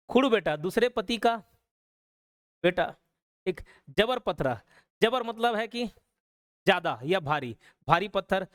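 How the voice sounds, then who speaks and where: A man teaching an online exam-prep class, repeating words slowly and often checking in with "okay?". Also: high-pitched. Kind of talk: explanatory lecture.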